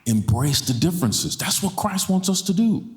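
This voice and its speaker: A guest speaker in his forties stands on a church stage with a handheld mic, speaking passionately and repeating lines for stress. His high-pitched voice has lively intonation at a moderate pace, with a little hiss or hum over the roomy hall sound.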